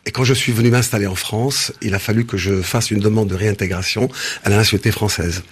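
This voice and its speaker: A man in his sixties from Senegal, answering interview questions in a measured way with frequent hesitations and restarts. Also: on the low side, steady tone, husky. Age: 60s. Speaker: interview guest, business founder.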